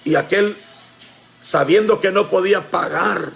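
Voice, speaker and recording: A man preaching a sermon with fervor, often shouting and calling on his congregation as brothers. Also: high-pitched, unhurried, gravelly, soft background music.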